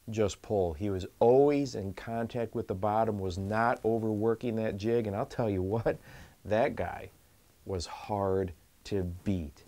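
A man's voice: lowish voice, mellow. A man in his forties hosting a fishing channel, giving earnest, emphatic tips to camera from a small indoor studio and repeating words for stress. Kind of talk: instructional to-camera talk.

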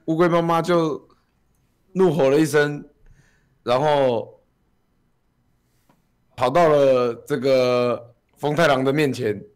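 A man's voice: a little high, slow pace, long pauses, clean tone. A male streamer laughing through a playful, improvised story relay with friends.

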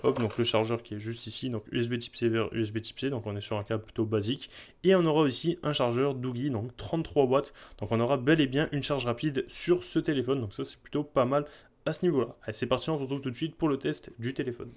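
A man reviewing a phone in a relaxed, chatty way, often repeating words. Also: mid-range voice, quick pace. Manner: chatty, repeats "très, très" and "hop". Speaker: tech reviewer. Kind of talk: product review vlog.

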